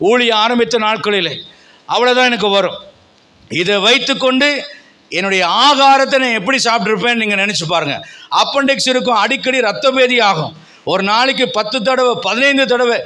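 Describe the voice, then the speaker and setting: A man's voice: very high voice, sharp tone. A middle-aged male pastor preaching a fervent sermon in a church, with repeated calls and rising emphasis. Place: church sanctuary.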